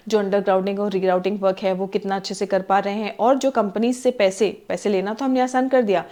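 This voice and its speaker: A woman teacher with an Indian English accent, reading passages slowly in English and explaining quickly in a Hindi-English mix, often checking with her students. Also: medium pitch, a little mellow. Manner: asks students questions, frequent "theek hai?" checks. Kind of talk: online exam-prep lesson.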